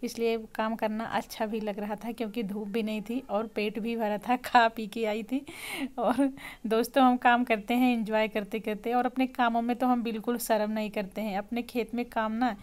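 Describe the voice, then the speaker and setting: A woman's voice: on the high side, flat delivery, normal speed, hardly any pauses. A woman chatting casually to her viewers from her farm fields, laughing often and calling them friends. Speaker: vlogger. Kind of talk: casual village vlog chat. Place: outdoors in farm fields, windy. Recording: loud outdoor noise.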